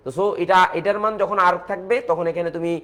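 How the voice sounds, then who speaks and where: Fast-talking Bangladeshi chemistry teacher. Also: male voice, high voice, fairly even intonation, a bit bright. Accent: Bangladeshi Bengali. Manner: repeats points, answers viewers' comments, talks through calculations step by step. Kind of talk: live online exam-prep class.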